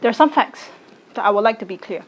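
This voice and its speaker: A woman, giving a slow, deliberate personal statement to camera. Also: medium pitch, expressive, husky, poor audio. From Singapore. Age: late 20s. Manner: slow, deliberate, measured delivery. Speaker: arts educator and content creator.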